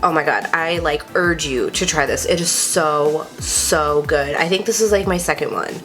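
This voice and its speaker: A young Texan beauty vlogger, congested from a cold, gushes about makeup in a casual, chatty product review full of "like" fillers. Her low-pitched, somewhat bright voice moves at a moderate pace over soft background music.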